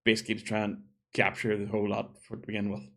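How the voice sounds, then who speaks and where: A man's voice: on the low side, monotone, quick pace, gravelly. A man giving a casual opinion monologue, chatty and thinking aloud as he corrects himself. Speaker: gaming video creator.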